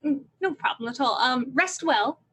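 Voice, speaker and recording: A woman's voice: high-pitched, lively intonation, moderate pace, a bit bright, breathy edge, exaggerated voice. A woman voicing a small, chipper halfling girl.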